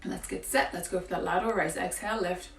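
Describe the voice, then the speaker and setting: Woman fitness coach, lowish croaky voice, encouraging workout cues, distant roomy sound. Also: fast talker, a bit bright, a little hiss or hum. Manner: encouraging, counting through exercises. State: morning croaky voice. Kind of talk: guided home workout instruction. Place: home. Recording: roomy, from a distance with faint ambience.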